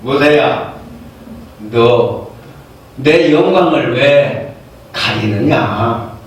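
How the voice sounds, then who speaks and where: A man voicing God, speaking slowly in a lowered, commanding tone. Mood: stern. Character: stern divine male voice giving commands. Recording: echoey hall heard from far off.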